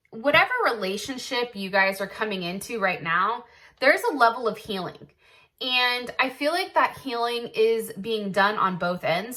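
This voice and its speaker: A woman's voice: fairly high pitch, sharp tone. A woman giving a casual tarot reading, chatty and blunt, swearing freely and thinking aloud with lots of "like" and "I feel like". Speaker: tarot reader.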